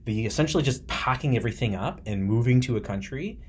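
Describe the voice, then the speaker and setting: A man's voice: mid-range voice, animated, fast. A man hosting a casual podcast interview, enthusiastic and chatty, with lots of "like" and restarts. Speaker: podcast host, teacher.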